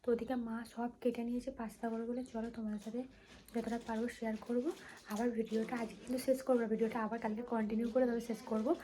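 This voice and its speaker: A young woman vlogging at home, speaking softly and quietly so her sleeping baby stays asleep. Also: on the high side, flat delivery, racing, a little hiss or hum. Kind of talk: hushed vlog talk.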